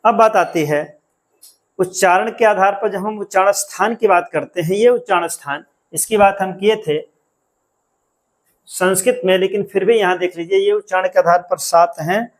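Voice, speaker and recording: A man's voice: high voice, normal speed. A man teaching an exam-prep grammar lesson, explaining step by step and repeating key counts and sounds aloud.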